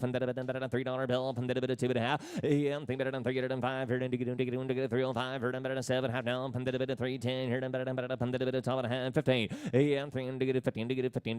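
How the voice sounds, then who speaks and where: A man working as a livestock auctioneer, calling bids in a rapid rolling chant full of repeated filler words. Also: medium pitch, a little mellow, clear, resonant tone, no room sound. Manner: rolling, repetitive filler-word patter between bids.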